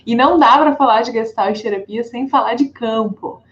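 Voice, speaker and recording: Guest psychologist, a woman with a bit of a high voice and a relaxed, chatty delivery. Dull lo-fi headset audio. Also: moderate pace. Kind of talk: casual live-stream chat. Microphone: video call headset.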